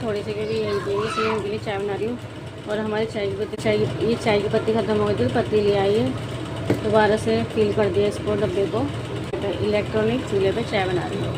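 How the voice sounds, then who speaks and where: Woman vlogger, casual and chatty, addresses viewers in a home kitchen; loud background noise. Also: mid-range voice. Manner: chatty, talks straight to viewers. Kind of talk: casual home cooking vlog.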